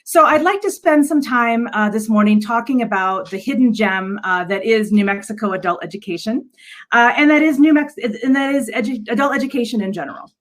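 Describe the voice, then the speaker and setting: A woman with a fairly high, brisk voice gives an earnest slide presentation at a virtual event on a video call. She is an adult education director, and her delivery is hesitant.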